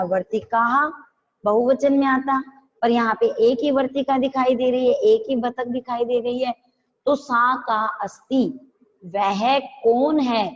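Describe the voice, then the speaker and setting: A woman's voice: a little high, in a large hall, dull audio. A woman teacher, giving an online class and patiently explaining step by step, asking questions back.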